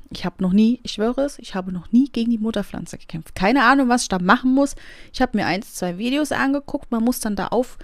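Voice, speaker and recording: Excitable woman doing let's play commentary, lots of squealing, dry close sound. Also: fairly high pitch, no echo. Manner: excitable, squeals and gasps often. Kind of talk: casual gameplay commentary.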